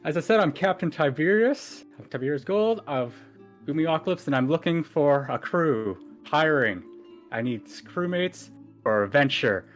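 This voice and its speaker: A man playing a pirate captain booming in a magically amplified voice. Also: animated, measured pace, soft background music. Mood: rallying pitch. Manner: booming, theatrical announcement. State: voice magically amplified to three times louder. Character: boastful male pirate captain recruiting a crew. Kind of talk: tabletop roleplaying game.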